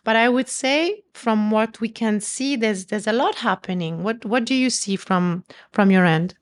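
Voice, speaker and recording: A woman's voice: on the high side, measured pace. A woman interviewing a guest, talking in a chatty, hesitant way with many fillers and restarts. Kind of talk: conversational interview.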